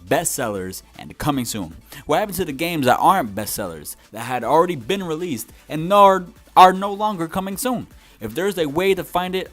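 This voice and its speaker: A man's voice: medium pitch, a bit bright. A young man giving a scripted but conversational video game review as its host.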